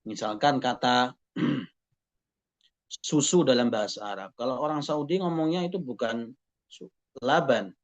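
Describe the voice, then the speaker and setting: A man's voice: medium pitch, measured pace, long pauses. A man giving a university lecture, explaining step by step and often tagging his points with a questioning "ya" and rhetorical questions. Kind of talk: classroom lecture. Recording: dull lo-fi recording.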